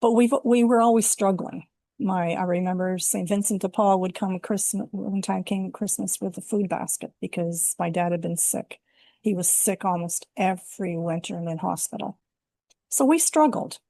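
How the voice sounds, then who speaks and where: A woman's voice: mid-range voice, normal speed, dark tone, no room sound, clean studio sound. An older woman from Canada, a life coach, telling her personal story earnestly and reflectively in an interview. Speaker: guest, women's life coach.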